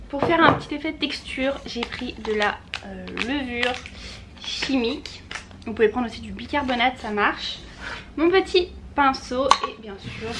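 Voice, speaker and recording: A woman casually talking through a home DIY project for her vlog, relaxed and chatty, with frequent small hesitations. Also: high voice, noisy background. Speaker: lifestyle vlogger. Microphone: compact camera mic.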